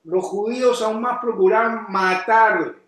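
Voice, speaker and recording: A pastor with a high voice preaches slowly and deliberately, firing questions at his congregation in fairly even intonation. Every so often he breaks into shouted emphasis, and the sound rings through a very echoey church.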